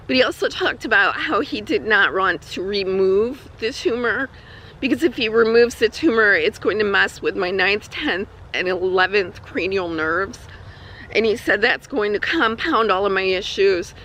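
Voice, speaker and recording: A woman talks casually to her viewers in a personal vlog recorded outdoors. Her voice is weak and strained from a troubled throat, with a bright, tense edge. She speaks haltingly, pausing partway through sentences. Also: mid-range voice, slight background noise, poor audio. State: throat spasms with coughing and throat clearing. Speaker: vlogger. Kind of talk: personal health update vlog, casual talk. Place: outdoors on a hike.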